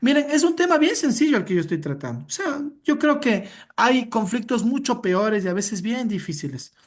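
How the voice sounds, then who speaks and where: A woman's voice: a little high, sing-song, moderate pace. A woman instructor leading an interactive online lesson over a video call, direct and coaching.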